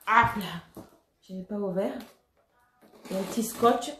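A woman vlogger chatting casually and excitably while unboxing skincare products, laughing often and using many fillers. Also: mid-range voice, measured pace, a little hiss or hum. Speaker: beauty vlogger. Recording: echoey room.

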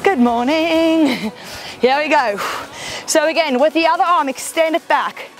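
A woman's voice: sits high, unhurried, slight background noise. A woman fitness instructor leading a workout, cheering on and counting down reps, a bit out of breath from moving along, with a mic close to her mouth. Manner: upbeat, encouraging, counting down reps. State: slightly out of breath while exercising. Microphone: headset or clip-on mic close to mouth.

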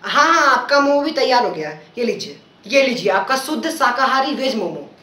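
A man's voice: very high voice, sing-song, a little fast, pushed and bright, heavily acted. Young man plays a pushy momo vendor, sarcastic comebacks, recorded from a distance in an echoey room. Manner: snappy, sarcastic replies. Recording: roomy, from far off.

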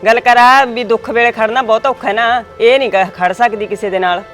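A woman's voice: a little high, steady tone, brisk, fairly bright tone, faint music behind, natural voice. A woman playing a timid young village wife, hesitant and complaining. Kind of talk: village short film acting.

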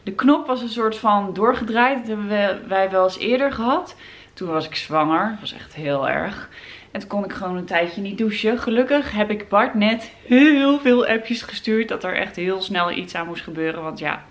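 A young woman chatting casually to camera in a home vlog, now and then switching to a high sing-song voice for her baby. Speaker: vlogger.

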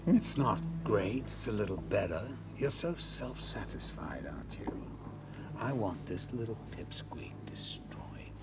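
A slow, menacing bully lawyer. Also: male voice, lowish voice, animated, loud music behind the voice. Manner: bullying, spiteful, drawn-out delivery. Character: blustering threatening middle-aged male defense lawyer.

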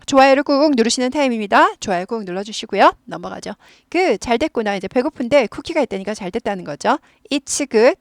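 A woman teaching English grammar in Korean, explaining patiently and repeating words slowly for practice. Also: on the high side, gravelly, dry recording, clean studio sound.

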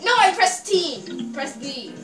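A woman playing a bowling video game, chatting casually and breaking into excited shouts. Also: high voice, slow, distant mic. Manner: excitable, bursts into loud cries. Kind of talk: casual let's-play chat. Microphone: phone filming a TV screen. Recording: echoey room, off-mic, loud game music.

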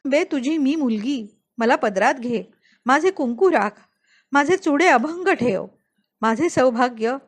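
A woman's voice: high voice, lively intonation, unhurried, voice pushed up. A woman voicing a devout young wife who prays earnestly for her husband in a storybook reading. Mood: imploring. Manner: earnest, tearful prayer.

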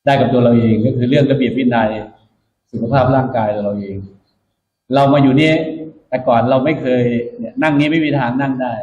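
A man's voice: mid-range voice, a little fast, a little mellow. A man speaking as a military officer to new recruits, instructive and emphatic, repeating his key points in a motivational orientation speech. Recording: echoey room, dull muffled sound.

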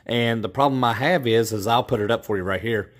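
A man's voice: medium pitch, brisk. A man with an ordinary mid-range voice rambles through a casual home tech vlog. He sounds frustrated and keeps restarting his sentences, with plenty of fillers along the way. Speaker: TV tech YouTuber.

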